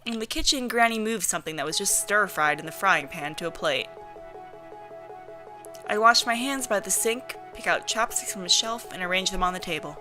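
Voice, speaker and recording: A woman's voice: mid-range voice, expressive, moderate pace. A woman reading first-person visual novel narration as an amateur voice-over. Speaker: narrator and reader. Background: music.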